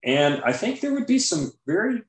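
A man with a high-sitting voice and big pitch swings speaks at a normal speed as an expert guest, a guest author and scientist, in a conversational interview. He explains things and often checks in with "right?". The sound is roomy and echoing.

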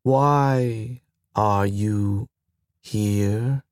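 A man voicing a slow, halting newborn station mind. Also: lowish voice, darkish tone, no echo, studio quality, voice pushed down. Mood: wary. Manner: slow, oddly spaced words. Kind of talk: audiobook character voice.

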